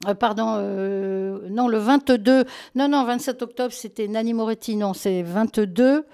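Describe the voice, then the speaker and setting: Woman host, fairly high voice, chatty and familiar, plenty of fillers and self-corrections. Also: a little slow, mellow, smooth. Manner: affectionate toward listeners. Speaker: host presenting film releases. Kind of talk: casual radio-style chat.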